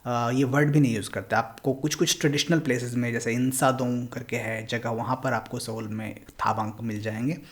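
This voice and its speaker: A man's voice: medium pitch, steady tone, normal speed, few pauses. Man teaching a language lesson. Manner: explains patiently, mixing Hindi and English.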